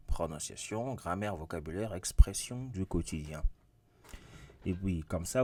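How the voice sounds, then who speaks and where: Speaking straight to viewers in a casual video lesson, a male English teacher repeats his points with emphasis. His voice is low with a dark tone.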